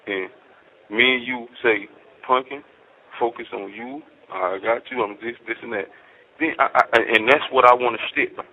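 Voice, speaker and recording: A man's voice: mid-range voice, moderate pace. A man talking on a prison payphone call, rambling and preachy, quoting scripture and turning heated and accusing. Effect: prison payphone line. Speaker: inmate on a prison phone call. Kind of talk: rambling phone talk. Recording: tinny phone line with music behind. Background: music.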